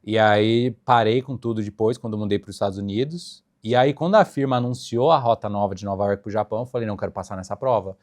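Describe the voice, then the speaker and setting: A man's voice: lowish voice, fast, hardly any pauses. A young Brazilian man, a flight attendant guest, chatting casually and animatedly with frequent laughter. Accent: Brazilian Portuguese. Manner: animated storyteller, laughs often. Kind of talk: casual interview chat.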